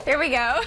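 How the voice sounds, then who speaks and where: A woman presenting the weather on live TV who keeps laughing uncontrollably. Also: very high voice. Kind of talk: live broadcast giggling fit. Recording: noisy broadcast clip.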